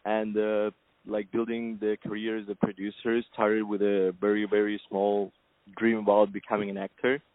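Over a thin, tinny telephone line, a Kazakh film producer answers an interviewer in a low, flat voice, hesitating and filling pauses often. He talks at normal speed, and the line sounds dry and close with no room sound.

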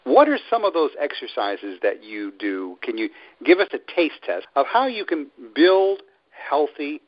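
Emphatic male radio host, lively pitch. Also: a little slow, dull audio. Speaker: radio show host and author. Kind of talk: radio interview.

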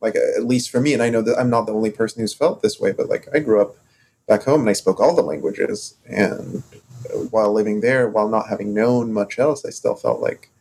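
A man from Morocco co-hosting a casual podcast discussion, talking in halting stops and starts with many fillers. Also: fairly low pitch, vocal fry, darkish tone. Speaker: podcast co-host.

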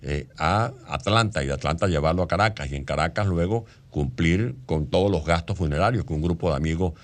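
Man, low-pitched guest author, talks at length in explanations. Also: fairly quick. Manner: long explanatory answers. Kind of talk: radio interview.

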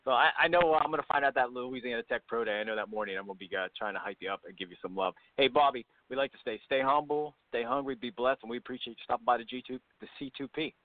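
Fast-talking upbeat male sports host. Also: medium pitch, no echo. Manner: fast, upbeat, many fillers. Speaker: podcast host. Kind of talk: sports interview. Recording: tinny phone-line audio.

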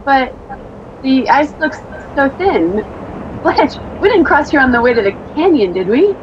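A woman's voice: high-pitched, sing-song, a little slow, dull audio. An actress playing a timid, frightened woman in an old radio thriller. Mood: fearful. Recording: noisy vintage radio recording.

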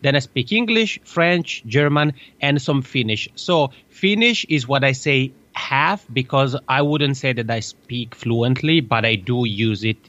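A native Italian speaker from Italy in his thirties joins a podcast as a guest, chatting cheerfully with an Italian accent and laughing quickly in a casual interview. His voice is medium-pitched and fairly bright, though the audio is dull.

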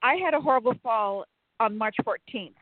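Lady calling in over the phone, thin tinny line, no room sound, spells things out slow and careful. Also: on the high side, no echo. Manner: measured, spells out names letter by letter. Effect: heard over a phone line. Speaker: caller. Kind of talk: call-in chat with a psychic show.

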